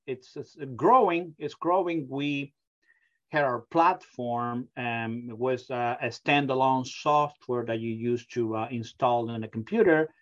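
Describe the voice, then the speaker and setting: This muffled remote interview features a software company founder from Argentina, a middle-aged man with an Argentine Spanish accent. He talks at a measured pace in a medium pitch, halting frequently with many "um" and "uh" fillers.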